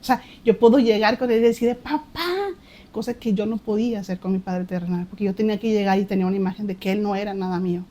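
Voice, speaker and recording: A woman's voice: mid-range voice, fairly even intonation, racing, hardly any pauses, mellow. A woman, a podcast guest, reflecting on her faith testimony and often repeating words as she searches for them.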